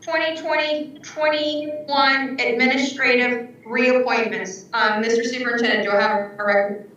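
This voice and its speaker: A woman's voice: a little high, fairly even intonation, fairly bright tone. Woman chairing a meeting over video call. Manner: brisk, procedural, slightly unsure. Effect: remote video call audio. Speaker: school board chair. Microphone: computer mic on a video call. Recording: dull, echoey, distant call audio.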